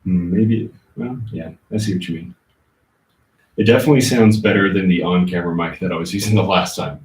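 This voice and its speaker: Low-voiced man livestreaming in an echoey room. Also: a little mellow. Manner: informal, thinking aloud, halting. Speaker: livestream host. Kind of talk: casual livestream chat, answering viewer comments. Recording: roomy, muffled, distant laptop-like mic.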